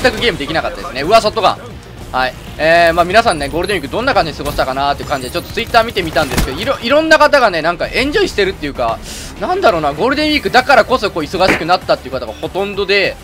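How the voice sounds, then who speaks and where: A man doing casual gameplay commentary and chat, chatty, often stammering and restarting, with excited outbursts. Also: high-pitched. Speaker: gaming commentator. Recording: loud game music and gunfire behind.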